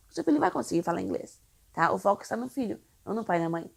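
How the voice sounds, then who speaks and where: A woman's voice: mid-range voice, expressive, very fast, creaky, a little mellow, husky. A young woman from Brazil, an English teacher for children, explaining in a chatty, reassuring way with frequent tag questions. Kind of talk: casual explainer video.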